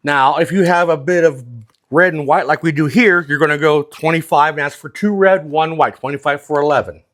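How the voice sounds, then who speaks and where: A man's voice: on the high side, fairly quick, a bit bright. A plain-spoken man working as a craps dealing instructor, explaining things step by step in a casual, hands-on teaching style.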